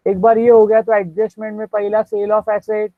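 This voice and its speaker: A man with an Indian accent teaching accounting in a lecture, dictating entries slowly and quizzing his students. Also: high-pitched, little pitch movement, no echo. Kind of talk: classroom lecture mixing Hindi and English. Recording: dry, tinny phone-like sound.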